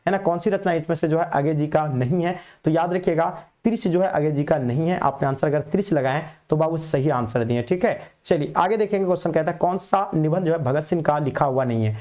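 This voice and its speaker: A man teaching an exam revision lesson, quizzing students in a brisk, repetitive way and calling them "babu". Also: a little high, a little mellow.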